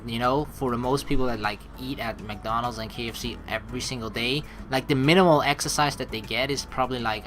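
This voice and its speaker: A Dutch let's play host reads a visual novel aloud and tosses in casual commentary, his voice medium in pitch and slightly bright. Game music plays behind him throughout the recording.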